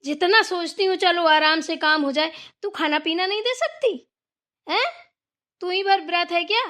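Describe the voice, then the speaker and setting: A woman's voice: very high voice, moderate pace, sharp tone. A woman voicing a bossy, irritable mother-in-law in a Hindi cartoon, scolding her daughter-in-law. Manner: scolding, bossy, repeats "theek hai na". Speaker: voice actor.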